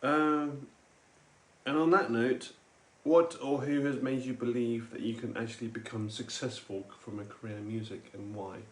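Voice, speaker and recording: A man's voice: medium pitch, fairly even intonation, normal speed. Brief: English male host, mid voice, jokey, echoey room. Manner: jokey, with frequent mm and yeah. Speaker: interviewer, host. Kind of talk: casual interview chat.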